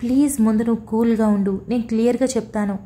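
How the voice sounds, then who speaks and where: A woman's voice: on the high side, steady tone, quick pace, dark tone, close to an everyday voice. A woman voicing a young husband who coaxes and teases his wife in an audiobook story, in a playful manner. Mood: coaxing. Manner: coaxing, playful. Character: young husband, teasing and soothing. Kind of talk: audiobook character voice.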